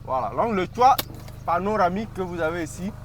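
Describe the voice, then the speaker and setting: A man's voice: sits high, lively intonation, fairly quick, a little hiss or hum. A man with a Cameroonian accent, chatting and joking through a casual car review while driving. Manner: chatty and joking, shows features as he goes. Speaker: car vlogger.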